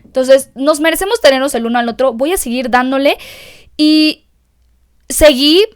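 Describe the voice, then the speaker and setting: Young mexican woman podcasting solo, high voice, super open and emotional, swears a lot. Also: moderate pace. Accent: Mexican Spanish. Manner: candid and emotional, swears freely, addresses listeners directly. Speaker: podcast host. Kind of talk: confessional solo podcast monologue.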